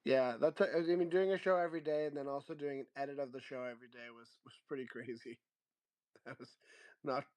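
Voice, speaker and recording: A man's voice: medium pitch, quick pace. Laid-back rambling male host. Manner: relaxed, rambling, trails off and restarts. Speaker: show host. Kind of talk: casual livestream chat.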